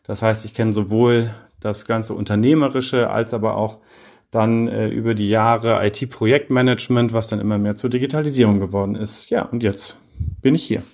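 A middle-aged man from Heidelberg, guest on a podcast interview, talking in a measured, hesitant way with frequent fillers. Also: fairly low pitch, fairly even intonation, a little mellow. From Heidelberg, Germany. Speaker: podcast guest, business consultant.

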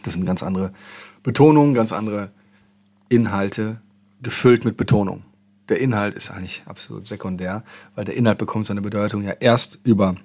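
Low-voiced man hosting a marketing podcast. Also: husky. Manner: conversational, addresses listener directly with tag questions. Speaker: podcast host, marketing consultant. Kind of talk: solo podcast monologue.

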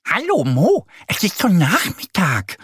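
A man voicing a cheerful, excitable young female duck in a children's story. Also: high-pitched, a little slow, husky, no room sound, studio quality, voice pushed up, exaggerated voice. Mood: chirpy. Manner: chirpy, excitable.

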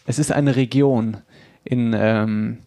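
Joking podcast host, mid-pitched man. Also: steady tone, warm tone. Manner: joking, quick banter with stumbling restarts. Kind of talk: casual chat.

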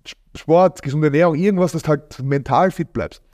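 A man in his thirties, an agency founder, talking casually in an interview with many fillers. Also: fairly high pitch. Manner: fast, animated, many fillers.

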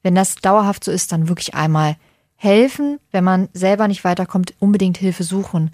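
A woman, a dog coach, explaining dog behavior in a relaxed podcast chat with everyday examples. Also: mid-range voice, normal speed, no room sound, studio quality.

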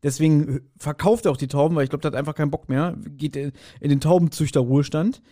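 Fast and warm, with a fairly high pitch and fairly even intonation, a man co-hosts a podcast. In relaxed conversation he floats theories about an audio drama, sounding playfully sure of himself and teasing.

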